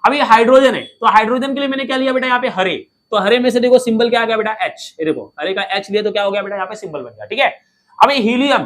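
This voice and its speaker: A man's voice: sits high, fairly bright tone. A man teaching a lesson in a playful, coaxing way, asking questions and answering them himself. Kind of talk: classroom lesson, coaxing students.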